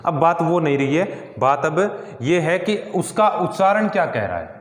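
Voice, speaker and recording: Male teacher, slightly high voice, rhetorical questions, roomy reverberant sound. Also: big pitch swings, normal speed. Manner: explanatory, repeats "ठीक है" and asks the class rhetorical questions. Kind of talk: classroom grammar lesson. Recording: echoey room with long reverb.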